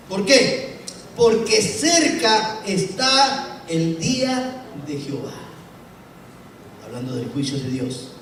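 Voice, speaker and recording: A male pastor preaching a sermon dramatically, with rhetorical questions, swinging between loud and soft. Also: high-pitched, a little hiss or hum. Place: church sanctuary. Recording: echoey church room from far off.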